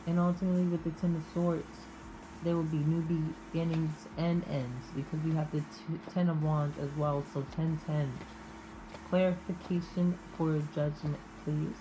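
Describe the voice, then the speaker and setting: A woman giving an improvised, intimate tarot reading in a halting, musing manner with drawn-out pauses. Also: low voice, little pitch movement, noisy background. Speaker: tarot reader.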